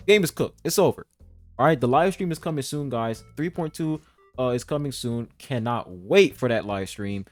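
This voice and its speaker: Man, gaming reaction commentary, exasperated, swears a lot, stumbles over words, mid-pitched, dry sound. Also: animated, normal speed, a little mellow, dry recording, soft background music. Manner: exasperated, swears and stutters, talks to viewers as "guys".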